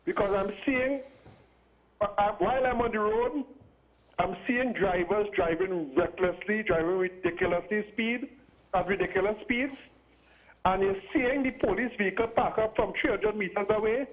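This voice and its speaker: A man calling in to a talk show, his voice muffled and breaking up over the phone line as he asks his question deliberately, restarting and correcting himself. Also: sits high. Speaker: radio call-in caller.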